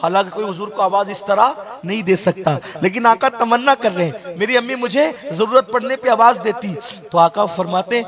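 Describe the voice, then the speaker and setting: A man preaches with deep emotion, circling back over his phrases and calling out to his listeners. His voice sits high for a man. The murmur of a gathered crowd carries behind him. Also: moderate pace. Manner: emotional, repetitive, addresses the crowd directly. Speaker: Islamic preacher. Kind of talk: impassioned sermon.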